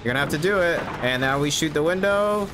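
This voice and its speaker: Talking fast with a slightly high voice and lively intonation, this man in his thirties streams a game and comments casually as he goes. He sounds easygoing, half talking to himself, with game noise clear in the background.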